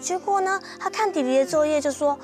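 A bossy little schoolgirl played by a young woman with an extremely high, cutesy voice. She whines and scolds emphatically in a children's sitcom, music playing behind. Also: fairly quick, a little mellow, close to an everyday voice. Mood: complaining. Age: young adult. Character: bossy, tattling schoolgirl big sister. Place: TV studio set.

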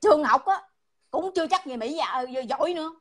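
A woman's voice: high-pitched, animated, fairly quick, a bit bright. A woman with a Southern Vietnamese accent, ranting in a blunt, repetitive, scolding monologue on an online livestream.

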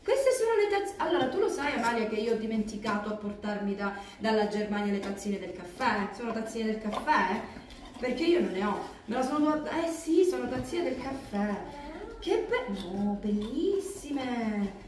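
A woman's voice: fairly high pitch, lively intonation, normal speed. Effusive woman vlogging in an echoey room. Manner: effusive, exclaiming over each gift. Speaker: vlogger opening Christmas gifts. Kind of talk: casual vlog chat. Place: home room. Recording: echoey room from far off, loud noise.

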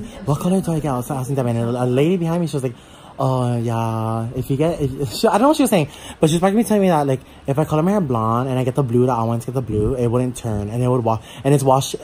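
Brash low-voiced young woman vlogging. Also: a little mellow, slight background noise. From Hawaii. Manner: brash, swears freely, rambling storytelling. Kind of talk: casual vlog chat. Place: at home and in a car.

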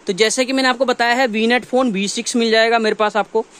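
Talking fast in a very high, slightly bright, clean-toned voice with fairly even intonation, a dealer in his thirties with a North Indian accent shows products to camera. His pitch is informal and repetitive, delivered in a small, cluttered indoor gear shop with faint shop noise behind him.

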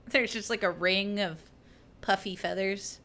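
A woman's voice: medium pitch, bright, forceful tone. A young woman co-hosting a casual podcast chat, giggly and full of fillers, slipping into mock voices for jokes. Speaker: podcast co-host. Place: lives in Buffalo, New York.

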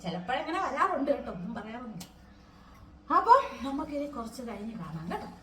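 A woman's voice: on the high side, sing-song, fast talker, bright, forceful tone, roomy sound, far from the mic, slight background noise, poor audio. A middle-aged woman chatting casually to camera from her home kitchen. She talks in a friendly, rambling way, often checking in with viewers, and her throat sounds strained from talking. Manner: chatty, keeps checking in with viewers with tag questions. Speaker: home cooking vlogger.

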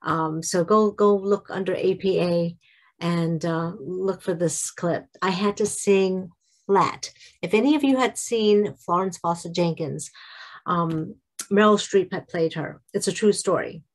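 Slow-talking middle-aged woman. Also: lowish voice. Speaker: vlogger giving a devotional. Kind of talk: casual talk to camera with devotional reading.

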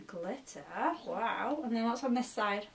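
A young woman in a bedroom, gently asking a small child questions while unboxing a toy. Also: fairly high pitch, unhurried. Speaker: vlogger and mother. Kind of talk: casual toy unboxing chat. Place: bedroom, sitting on a bed. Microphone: camera mic from a few feet away. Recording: distant camera mic, clear background noise.

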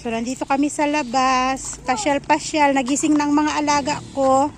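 High-voiced chatty woman vlogger. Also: little pitch movement, normal speed, slight background noise, poor audio. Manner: chatty, mixes English phrases into her talk. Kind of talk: casual home vlog narration.

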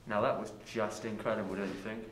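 A man's voice: on the low side, level tone, fast talker, a little hiss or hum, close to an everyday voice. Man as a bumbling young news co-anchor, echoey. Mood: earnest. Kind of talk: spoof news bulletin presenting. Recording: echoey room sound.

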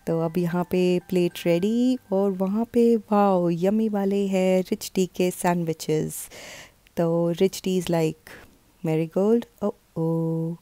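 A woman's voice: lowish voice, steady tone, slow pace, mellow, no echo. A woman casually narrating her family's morning routine for a vlog, mixing in English phrases. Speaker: vlogger.

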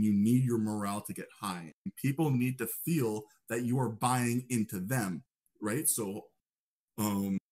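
A man's voice: mid-range voice, darkish tone. Man lecturing casually, lots of "right?". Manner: conversational, often tags "right?"; acts out upbeat greetings in a raised voice.

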